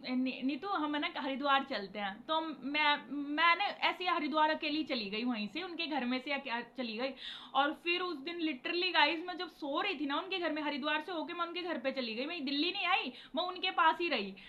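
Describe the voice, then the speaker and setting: A woman's voice: sits high, pushed and bright, dull audio. A young woman vlogger telling a personal story to camera in a rambling, emotional way, often repeating herself and calling her viewers guys.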